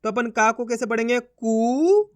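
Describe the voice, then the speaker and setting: Slow, clear man teaching Hindi phonics. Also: very high-pitched, lively intonation. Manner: spells out each letter, then says the whole word; addresses viewers as friends, asks them to pause and try. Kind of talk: slow phonics lesson, sounding out syllables.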